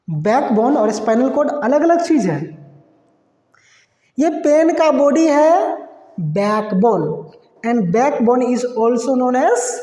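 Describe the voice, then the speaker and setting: A man's voice: very high voice, mellow, roomy sound, in a large hall. A man teaching biology to students, repeating key terms, quizzing the class and mixing in English phrases. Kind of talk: classroom lecture.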